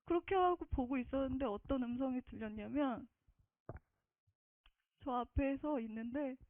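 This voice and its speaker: A woman gives an earnest, emotional testimony of her personal faith, often close to tears. Her voice is high-pitched at a normal speed, and the recording has a tinny, phone-like dry sound with no room tone.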